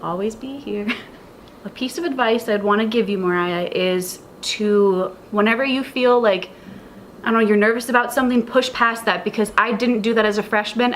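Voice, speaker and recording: A woman's voice: mid-range voice, a bit bright, slight background noise. A young woman giving a casual, heartfelt message as a sorority big sister, earnest and rambling. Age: young adult.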